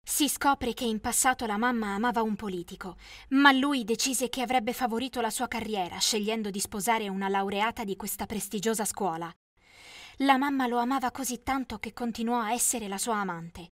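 A woman's voice: fairly high pitch, moderate pace, no echo, studio quality. Woman narrating a story in first person.

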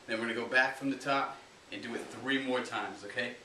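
A man's voice: medium pitch, steady tone, fairly quick, sharp tone, recorded from a distance. A man working as a fitness trainer, talking through a home workout with coaching cues. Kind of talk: workout instruction. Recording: roomy echo, off-mic, faint hiss.

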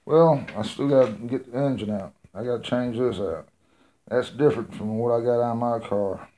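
A folksy middle-aged man with a drawl talks through his work in a home garage. He rambles, pauses on lots of uhs and thinks out loud. His voice sits at an ordinary pitch, picked up by a handheld phone. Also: slight background noise. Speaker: home mechanic vlogger. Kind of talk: casual workshop vlog. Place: home garage with engine on a stand. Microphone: handheld phone camera.

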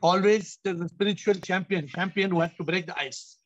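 Heard through a dull, compressed video call, a high-pitched man speaks fairly quickly. An Indian-accented spiritual teacher in his fifties, he hosts a Q&A discussion, posing emphatic rhetorical questions over and over.

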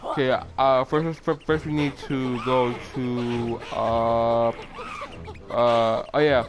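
A man commentates casually over clearly audible game music, his speech a little slurred, as if numb from the dentist. His voice sits at a middling pitch. He rambles, repeats himself and swears freely as he plays. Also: flat delivery, takes it slowly. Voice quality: slightly slurred speech from a numb mouth after dental shots. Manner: rambling, repetitive, profane. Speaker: video game player hosting an episode series. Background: video game music.

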